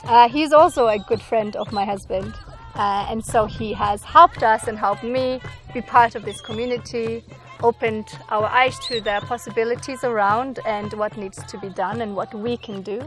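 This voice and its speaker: A woman speaks in a somewhat high voice, explaining things earnestly and steadily. She is being interviewed for a documentary, and soft music plays faintly underneath. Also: steady tone, moderate pace. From Norway. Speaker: school director and doctor.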